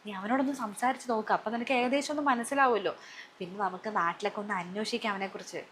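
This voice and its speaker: A woman playing a worried middle-aged mother who pleads with her daughters to stay calm, in a family skit. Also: mid-range voice, very fast, slight background noise, close to an everyday voice. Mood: soothing.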